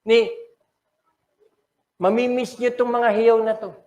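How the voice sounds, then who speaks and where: Older Filipino pastor preaching dramatically, high voice. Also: male voice, level tone, unhurried, dark tone, dull audio. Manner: emotional, dramatic preaching mixing English and Tagalog. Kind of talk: sermon. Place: church sanctuary. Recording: echoey church hall.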